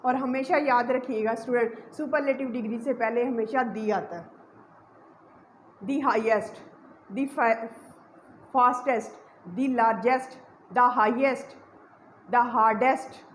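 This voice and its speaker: Woman teacher going over grammar rules, high voice, echoey room, bit of hiss behind her. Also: extremely slow, long pauses. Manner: repeats points and asks questions to the class. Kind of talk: explaining a grammar lesson to students. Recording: echoey room with faint background noise.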